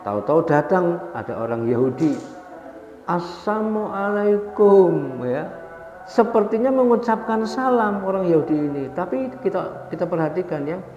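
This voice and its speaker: A man preaching a sermon to a congregation, telling a story and leading his listeners in slow chanted recitation. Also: big pitch swings, darkish tone, faint music behind. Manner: storytelling with rising pitch on stressed points. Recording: echoey hall, dull sound, faint background noise.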